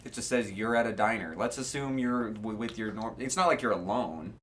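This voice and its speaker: A man's voice: lowish voice, a little fast, fairly bright tone, slight background noise. A man co-hosting a podcast, reading quiz questions aloud and adding sarcastic asides in casual chat.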